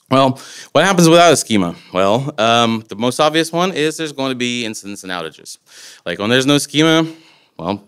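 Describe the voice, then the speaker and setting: At an indoor conference, a Latvian speaker in his forties talks through a podium microphone in a low-leaning voice that is fairly bright, clear and resonant. His technical presentation is casual, with loose, rambling wording and lots of fillers.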